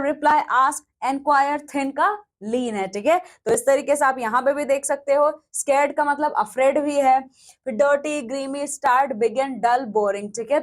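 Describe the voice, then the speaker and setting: A woman teaching English vocabulary in a classroom-style lesson, mixing Hindi with English and slowing down to read English sentences aloud. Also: high voice. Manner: mixes Hindi with English, reads word lists aloud, slows down for English sentences.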